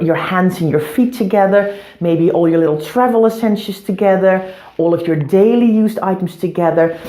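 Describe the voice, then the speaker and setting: A woman's voice: fairly low pitch, dark tone. A woman hosting an instructional home organising vlog, giving tips to camera in an echoing bathroom. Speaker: home organising video host. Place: echoey bathroom, indoors. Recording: echoey bathroom room sound.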